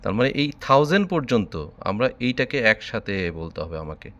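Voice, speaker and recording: A man's voice: medium pitch, very animated, a little fast, a bit bright. A man from Bangladesh teaching a math lesson online, patiently spelling out number words letter by letter.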